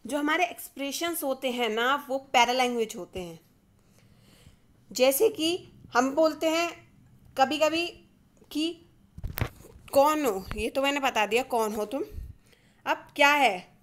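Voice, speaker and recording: A woman with an Indian accent teaching a casual video lesson, asking and answering her own questions in a lively way. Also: sits high, measured pace.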